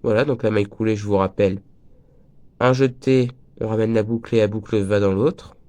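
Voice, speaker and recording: Mellow-voiced teenage boy, chatty and stuffy. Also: on the low side, steady tone, brisk. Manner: chatty, jokey, wanders off topic. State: slightly stuffy with a cold; voice breaking. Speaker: crochet tutorial host. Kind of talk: casual tutorial talk.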